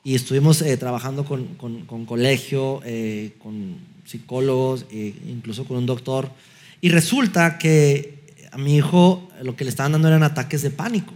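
Animated Mexican preacher telling a story. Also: male voice, medium pitch, normal speed. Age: middle-aged. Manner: animated storyteller who acts out dialogue with light self-mocking humor. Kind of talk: storytelling sermon.

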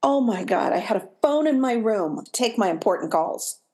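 A woman's voice: a little high, animated, normal speed, a little mellow. Chatty middle-aged lady cohosting a podcast, laughs easy, everyday voice. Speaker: podcast co-host. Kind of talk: casual chat.

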